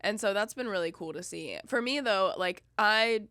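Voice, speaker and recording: Young woman, bright podcast co-host, joking and slangy, dry close sound. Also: medium pitch, moderate pace, dry recording. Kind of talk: casual chat.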